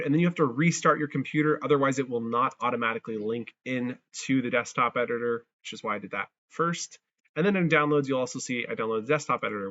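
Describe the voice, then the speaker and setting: A man's voice: mid-range voice, bright, forceful tone, muffled recording. Man with crunchy distorted audio. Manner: chatty, thinks aloud while clicking through steps. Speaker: tutorial creator. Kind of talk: casual screen-recorded software tutorial. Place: abroad, working on a laptop.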